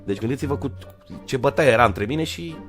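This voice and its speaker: A young man from Romania's Giurgiu area telling a comic storytime tale in slang, swinging from loud outbursts to low mutters. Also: lively intonation, soft background music. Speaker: vlogger.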